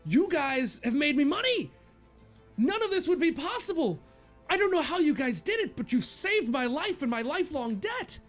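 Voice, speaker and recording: Guy putting on a jolly barkeep voice, gushing and loud, pitched up high. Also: normal speed, faint music behind, close to an everyday voice. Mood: overjoyed. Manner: effusive, exclaiming. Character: jovial grateful tavern bartender, grown man.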